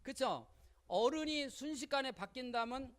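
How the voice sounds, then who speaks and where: A woman giving a lively seminar lecture on parenting, speaking colloquially, often asking the audience questions and acting out little quotes. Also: high-pitched, unhurried. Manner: colloquial, with frequent rhetorical questions and acted-out quotes.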